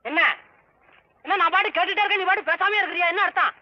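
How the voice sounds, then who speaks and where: An actor playing a boastful, scheming young would-be film director in a 1960s film comedy, switching between shouting and hushed storytelling. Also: extremely high pitch, steady tone, rapid-fire. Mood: excitable. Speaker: aspiring film director, son. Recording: lo-fi old film soundtrack with faint hiss.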